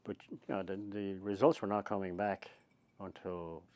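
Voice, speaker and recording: A man's voice: deep voice, fairly even intonation, moderate pace, darkish tone. An older man with an Irish accent, chatting in a rambling storyteller's way as he reminisces in an interview. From Ireland. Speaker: oral history interviewee. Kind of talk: conversational reminiscence.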